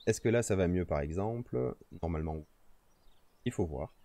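This man's voice is low-pitched, gravelly and dark, expressive at a moderate pace. He's streaming outdoors in nature, chatting casually with himself and his viewers as he fiddles with his noise-gated streaming microphone.

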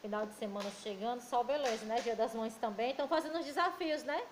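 A woman with a Brazilian Portuguese accent, a primary school teacher giving a recorded remote lesson to children, affectionate and patient, reading word lists slowly. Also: a little high, a little hiss or hum, rough recording.

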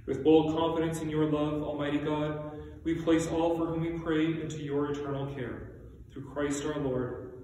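A man's voice: fairly high pitch, flat delivery, normal speed, dark tone. A man, middle-aged, solemnly and measuredly reading intercessory prayers as a prayer leader at a church service. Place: small church sanctuary, indoors. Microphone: distant camera. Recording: echoey church, distant mic, faint noise.

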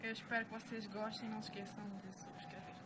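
A woman's voice: mid-range voice, little pitch movement, quick pace. A teenage girl chatting casually in a challenge video, picked up outdoors by a camera a little way off. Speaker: participant in a group challenge video. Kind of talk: casual challenge vlog chat. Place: outdoors in a walled garden patio. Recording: very noisy outdoor camera audio.

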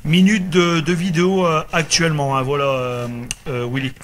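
This amateur radio operator, a man from northern France, keeps things casual as he makes contacts and sprinkles in reassuring phrases again and again. He speaks at a moderate pace in a fairly high, steady voice, over clear background noise from his radio set.

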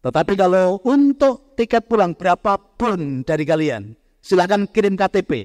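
A man delivers a conversational spiritual talk, speaking straight to his audience. His voice sits high for a man. The recording is dry and close, with little room sound. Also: animated, normal speed, a little mellow, dry recording. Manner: conversational, addresses listeners directly, mixes in Javanese words. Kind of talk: motivational talk to a live audience.

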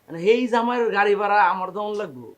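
A man's voice: sits high, animated, racing. An actor playing a proud, indignant father-in-law who scolds his son-in-law in a TV comedy drama. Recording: roomy, distant from the mic.

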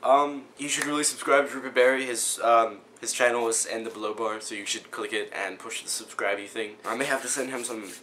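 A man vlogging casually as he unboxes a package, excitable and rambling with frequent stumbles. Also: medium pitch, brisk, few pauses, a little hiss or hum. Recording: roomy echo.

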